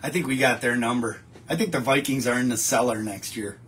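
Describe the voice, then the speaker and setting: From a wallpapered home studio, a middle-aged live-stream host reads viewer comments and responds in a chatty, meandering way with lots of restarts. His mid-range voice is fairly quick and fairly bright, with slight background noise.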